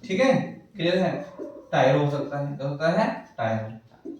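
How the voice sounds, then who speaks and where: A man's voice: on the high side, very animated, measured pace, slight background noise. A male English teacher lecturing a class, who keeps asking his students questions and answering them himself. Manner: repeats checks like "clear hai". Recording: echoey classroom, far from the mic.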